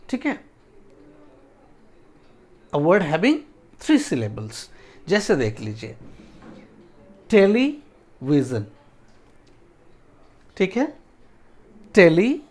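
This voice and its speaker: A man's voice: high voice, huge pitch swings, slow pace, pauses often. A man teaching a spoken English lesson, drilling words syllable by syllable and often checking that his students follow.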